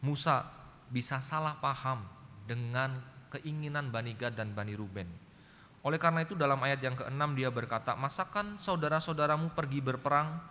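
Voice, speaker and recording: Bright-voiced Indonesian pastor preaching in a hall. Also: male voice, mid-range voice. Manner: animated storytelling, acting out family voices; keeps addressing the congregation as ladies and gentlemen. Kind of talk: sermon. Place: church hall. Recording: reverberant church hall with faint noise.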